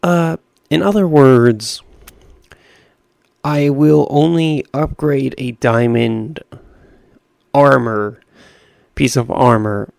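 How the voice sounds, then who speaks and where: A young man with a raspy voice giving rambling, self-deprecating commentary over a video game. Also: medium pitch, takes it slowly, long pauses, darkish tone, no echo, studio quality. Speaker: gaming YouTuber. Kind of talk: casual gameplay commentary.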